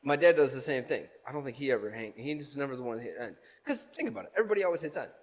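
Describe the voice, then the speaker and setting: Male co-host, rapid profane storyteller, mid pitch, reverberant room. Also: lively intonation. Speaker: podcast co-host. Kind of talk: casual podcast banter.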